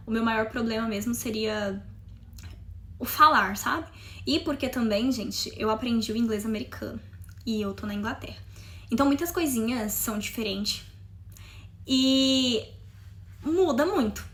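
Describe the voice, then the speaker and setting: A talkative woman from Montes Claros speaks with a Mineiro Brazilian accent. She chats casually to camera as a vlogger. Her voice sits high and sounds crisp and bright. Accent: Mineiro Brazilian Portuguese. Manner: chatty, talkative.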